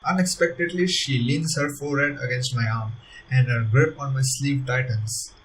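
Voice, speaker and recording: A man's voice: mid-range voice, normal speed, a bit bright, far from the mic, a little hiss or hum, rough recording. A man reading a visual novel aloud as narrator, with earnest delivery and laughing asides. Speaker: let's-play narrator. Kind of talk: reading a story game aloud with commentary.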